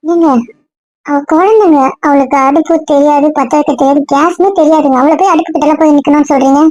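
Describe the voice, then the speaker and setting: A woman's voice: sits high, fairly even intonation, fairly quick, a little mellow, dry recording, natural voice. An actress playing a stubborn, complaining woman in a family comedy-drama skit. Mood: pleading. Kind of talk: casual web-series acting. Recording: dull lo-fi dry sound.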